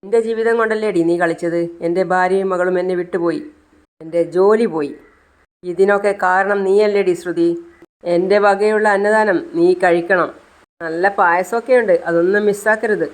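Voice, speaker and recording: A woman's voice: mid-range voice, fairly even intonation, normal speed, close to an everyday voice. Woman reading as a taunting male blackmailer.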